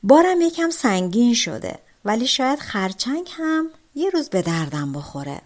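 A brave young man from a fairy tale, mocking and unafraid, played by a woman. The voice is fairly high with a wide, lively melody. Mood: defiant. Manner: defiant and mocking. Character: brave, cheeky young man facing a demon.

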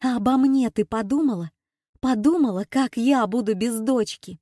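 Hurt middle-aged mother, reproachful, sharp, deliberate, voiced by a woman. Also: mid-range voice, expressive, dry recording, clean studio sound, lightly acted. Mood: angry.

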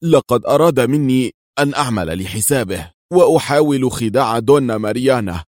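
A man's voice: medium pitch, lively intonation, fairly quick, darkish tone, dry recording, studio quality, pitched above the performer's own voice, lightly acted. A man voicing a frightened, nervous male lawyer who stammers and pleads frantically. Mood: panicked.

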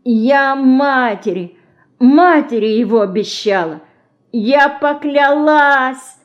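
A woman's voice: fairly high pitch, lively intonation, moderate pace, darkish tone, muffled recording, pitched above the performer's own voice, close to an everyday voice. Woman reading as a young girl, earnest, stubborn, pleading, insistent, raised voice, audiobook. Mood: despairing.

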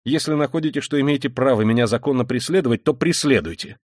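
A man voicing a feverish proud young student, tense, loud and strained, dry close audiobook read. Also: lowish voice, sing-song, normal speed, no echo. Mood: agitated. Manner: tense, shouting in outbursts.

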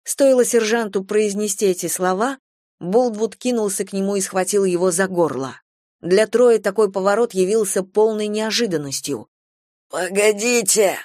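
A narrator reading a classic novel aloud in a measured, even way. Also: medium pitch, dry recording, clean studio sound. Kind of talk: scripted audiobook narration.

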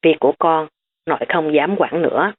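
A woman's voice: deep voice, normal speed. A woman voicing a stern elderly grandmother who lectures her family firmly. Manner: firm, lecturing. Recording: tinny phone-like recording.

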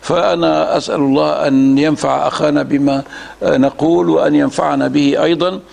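Gravelly Egyptian scholar, measured delivery. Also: male voice, a little high, fairly even intonation, darkish tone. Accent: Egyptian Arabic. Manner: measured and deliberate, with frequent drawn-out hesitation sounds. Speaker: religious scholar giving a reading series. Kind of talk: lecture reading and commenting on a classical text.

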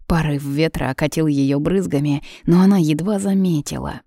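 A woman narrating an audiobook in a calm, even storytelling manner. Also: sits low, moderate pace, no echo, clean studio sound. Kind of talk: scripted narration.

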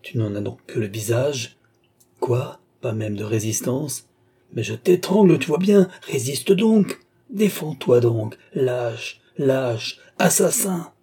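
A man's voice: mid-range voice, lively intonation, slow, slightly rough, heavily acted. A man playing an enraged young nobleman. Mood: furious. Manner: raging, accusing, shouting at times. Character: furious young male nobleman seeking revenge.

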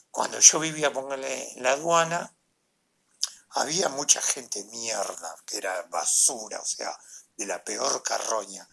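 Gravelly Uruguayan man ranting profanely. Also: medium pitch, a bit bright. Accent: Uruguayan Spanish. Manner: vulgar, ranting, with frequent tag questions. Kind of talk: angry profane monologue.

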